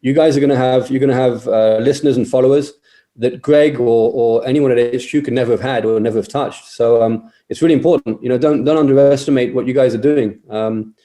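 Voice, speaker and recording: Halting, hesitant man talking casually. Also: mid-range voice, steady tone, dark tone. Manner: hesitant, many fillers and repeated words. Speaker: podcast guest. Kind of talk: casual interview chat.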